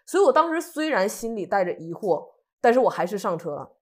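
A Northeast Chinese woman with a mid-range voice and a quick pace relates her own story during a casual chat as co-host. Her telling is animated, with people's words acted out.

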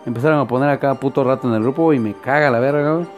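A young man, reading a game's story out loud with blunt, slangy asides. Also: mid-range voice, rapid-fire, faint music behind. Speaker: gameplay video creator. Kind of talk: reading game dialogue and casual asides.

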